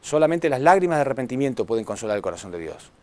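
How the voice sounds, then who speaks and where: A man preaching a sermon to a congregation, impassioned, swinging between loud appeals and hushed words, often asking the audience questions. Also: medium pitch, big pitch swings, very fast, dry recording. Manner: addresses audience with rhetorical questions.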